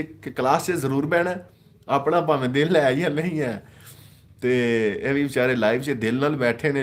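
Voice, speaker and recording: A man with a Punjabi accent, from Pakistan, hosting a casual live stream, joking with viewers as he reads their comments. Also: medium pitch. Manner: joking, switches into mocking put-on voices.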